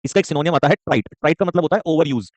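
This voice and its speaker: A man teaching a live online vocabulary class, joking and rapid, often checking in with students and calling them son. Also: a little high, no room sound. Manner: joking, rapid, keeps asking "okay?"; addresses students warmly as son.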